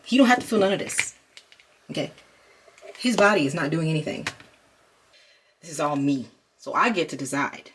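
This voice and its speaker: A woman talks animatedly and sassily, with lots of emphasis. She is a little away from the mic, and clear background noise runs under her voice. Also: low-pitched, moderate pace, long pauses. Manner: animated, sassy, emphatic storytelling. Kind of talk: casual vlog chat.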